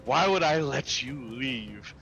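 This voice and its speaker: A man voicing a winged warrior, a merciless captor in a tabletop game, who speaks with the calm menace of a psychopath. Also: medium pitch, slow, gravelly, heavily acted. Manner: calm, menacing, like a serial killer.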